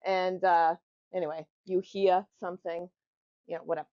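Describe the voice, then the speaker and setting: A woman's voice: on the low side, flat delivery, normal speed, warm tone, no echo, muffled recording. A woman giving an informal, jokey explanatory talk to a group, conversationally demonstrating how words are pronounced. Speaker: presenter.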